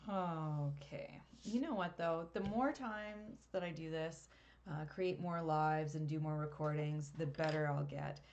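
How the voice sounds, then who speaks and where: A woman giving a live colored pencil drawing tutorial over a webcam, chatty and quick to laugh at herself. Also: deep voice, darkish tone, muffled recording. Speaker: art teacher.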